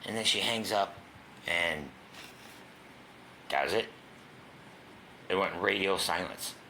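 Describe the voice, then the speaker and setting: A middle-aged man tells his story bluntly, with occasional swearing. His voice sits very low yet comes across bright and forceful. A faint hiss stays under the recording. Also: slow pace, creaky. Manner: raw, candid, swears, acts out quoted voices. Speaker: guest telling his recovery story. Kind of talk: personal storytelling in a talk show. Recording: faint background noise.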